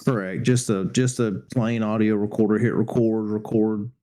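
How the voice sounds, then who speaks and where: A man's voice: on the low side, little pitch movement, moderate pace, warm tone. A man co-hosting a podcast, casually retelling a ghost hunting story with loose restarts. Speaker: podcast co-host.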